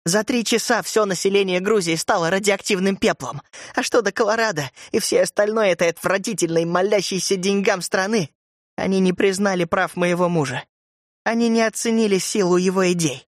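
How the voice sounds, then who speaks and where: A man's voice: a little fast, no echo, studio quality, natural voice. A man voicing a cold vengeful widow. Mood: bitter. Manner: calm, then shrill and hissing. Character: cold vengeful widow, woman, middle-aged. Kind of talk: audiobook character voice.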